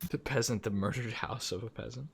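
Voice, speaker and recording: A man's voice: mid-range voice, a little fast, creaky, slight background noise. A man acting as game master, narrating a tabletop game and asking players for their actions.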